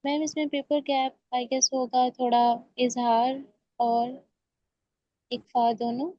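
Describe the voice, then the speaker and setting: A woman's voice: high voice, little pitch movement. A woman student reciting carefully and answering her teacher's questions with some hesitation. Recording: dull lo-fi audio.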